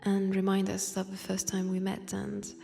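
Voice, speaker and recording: A woman with a French accent plays a wistful, wry centuries-old vampire living in a convent in an intimate audio roleplay. Her mid-range voice is warm, creaky and monotone at a moderate pace, tender and nostalgic as she hesitates, sighs and drifts into near-whispers. A long, church-like reverb surrounds her.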